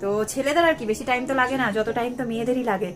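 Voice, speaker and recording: A woman's voice: fairly high pitch, very fast. A young woman from West Bengal with a Bengali accent, chatting casually to her viewers in a home vlog. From West Bengal, India. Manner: chatty, addresses viewers as friends. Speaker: home vlogger. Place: home, indoors.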